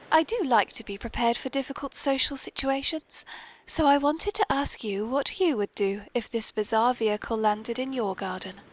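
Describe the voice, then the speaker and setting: On a podcast, the host, a woman, plays a genteel, mischievous British lady mastermind with a secret lair, using a high, prim voice that is formal, arch and polite. It's a scripted comic audio drama captured in a dull, lo-fi recording.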